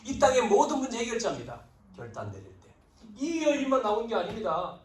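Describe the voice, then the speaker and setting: A male pastor preaching a sermon, swinging between loud emphatic lines and hushed asides, acting out biblical figures in quoted speech. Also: very high voice, sing-song, brisk. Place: church sanctuary. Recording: roomy, distant church recording.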